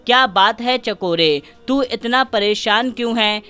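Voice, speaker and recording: A woman voicing a caring female partridge bird in a fairy tale, asking gentle questions. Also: on the high side, smooth, soft background music. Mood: curious.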